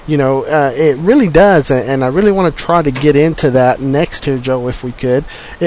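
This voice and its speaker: A man's voice: fairly high pitch, darkish tone. A man hosting a radio show in casual interview chat, often stumbling over his words.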